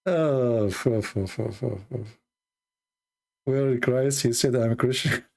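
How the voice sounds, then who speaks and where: Slow, gravelly man mocking on a stream. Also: medium pitch, darkish tone. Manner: mocking, halting, with sarcastic asides. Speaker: online debate streamer. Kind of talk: late-night livestream commentary.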